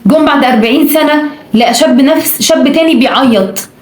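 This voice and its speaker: A woman with an Egyptian Arabic accent preaches quickly and emphatically, pressing each point again and again. Her voice sits a little high, and the sound carries the echo of a reverberant room. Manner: emphatic, repetitive urging. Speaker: religious speaker. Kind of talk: religious exhortation to camera.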